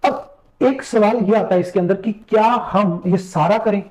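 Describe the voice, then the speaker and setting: A man's voice: high-pitched, unhurried, a little mellow, low-quality recording. A man teaching math exam preparation in casual Hindi mixed with English terms, walking through a syllabus and telling viewers to watch closely. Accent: Hindi, mixing English math terms. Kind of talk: screen-share syllabus walkthrough lecture.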